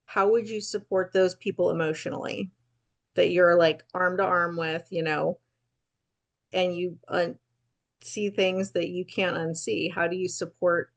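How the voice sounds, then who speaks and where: Hesitant low-pitched woman asking questions. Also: steady tone, measured pace, vocal fry. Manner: searching, hesitant, many fillers. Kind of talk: casual interview questions.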